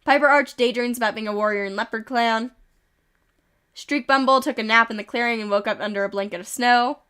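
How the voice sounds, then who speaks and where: A woman with a slightly high voice streams a game while a little under the weather. She reads in-game events aloud in a casual, chatty way, breaking off for quick amused asides. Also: pushed and bright, smooth. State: a little sick, with occasional coughs.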